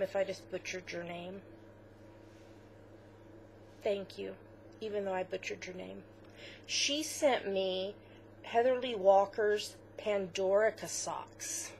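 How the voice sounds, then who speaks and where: A woman's voice: medium pitch, gravelly, darkish tone, a little hiss or hum. A woman co-hosting a knitting podcast in a casual, chatty way, with lots of fillers. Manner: chatty, with fillers, close to tears at times. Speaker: podcast co-host. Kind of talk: casual chat.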